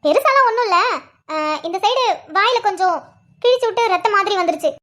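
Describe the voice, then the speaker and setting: A chatty cartoon elder sister with a very high, shrill voice. She rattles through events at top speed while soothing others. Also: lively intonation, a bit bright. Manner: quick storytelling, soothing.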